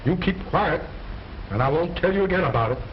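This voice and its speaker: A man's voice: fairly high pitch, lively intonation, fairly quick, natural voice. A man playing a pompous, easily exasperated ventriloquist, speaking formal stage patter as the straight man in an old film. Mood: scolding. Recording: muffled old film soundtrack, faint noise.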